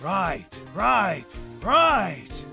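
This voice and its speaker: A man voicing a gruff, hot-headed but loyal police detective with a blustering, slangy delivery in an audio drama of a video game story. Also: high-pitched, big pitch swings, very slow, bright, forceful tone, soft background music, full character voice. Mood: puzzled, earnest. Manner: blustering, slangy, ends remarks with "pal".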